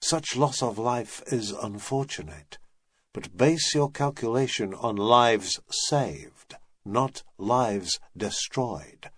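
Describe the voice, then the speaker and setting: A man voicing an ancient male official with a breathy, calm, unemotional way of speaking in an audiobook. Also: medium pitch, no room sound, full character voice. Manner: measured, unemotional.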